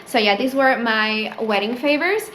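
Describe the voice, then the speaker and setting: Slightly slow and expressive, her fairly bright voice sits on the high side as this young Peruvian vlogger, a native Spanish speaker with a Peruvian Spanish accent, chats to camera about her small business. She fills pauses with "like" and "um" and lifts her voice for quoted thoughts. The rough recording, made in a small indoor room with tea stock on a shelf, has a little hiss or hum.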